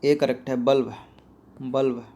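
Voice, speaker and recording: A man's voice: medium pitch, little pitch movement, measured pace, dark tone. A man teaching spelling for an exam practice set, who puts a question to his students and then answers it himself. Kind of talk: spelling lesson walking through a practice test.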